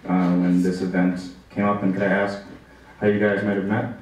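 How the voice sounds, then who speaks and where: A man's voice: sits low, flat delivery, normal speed, darkish tone. A man hosting a live event, chatty and upbeat, with many fillers, introducing the speakers to the audience. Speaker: event host and moderator. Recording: echoey room, far from the mic, audible noise.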